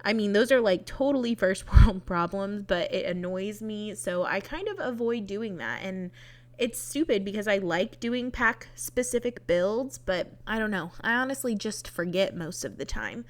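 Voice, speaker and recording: A woman's voice: mid-range voice, expressive, moderate pace. Chatty woman with a stuffy nose. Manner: rambling, chatty, laughs often. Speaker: Sims builder vlogger. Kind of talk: casual voice-over chat.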